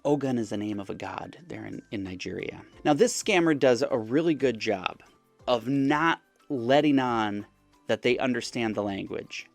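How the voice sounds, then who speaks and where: A man's voice: mid-range voice, animated, normal speed, creaky, no room sound, faint music behind. A man telling the story of his chat with a scammer in a casual, mocking way, often acting out the messages. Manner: wry, mocking, acts out chat messages in other voices. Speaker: scam-baiting content creator.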